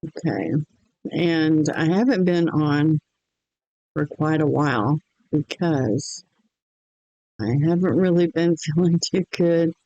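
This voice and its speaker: Chatting casually while streaming a game, a man rambles slowly with lots of pauses and ums. His fairly high, mellow voice is hoarse and keeps cutting in and out. The audio is dull, with no room sound.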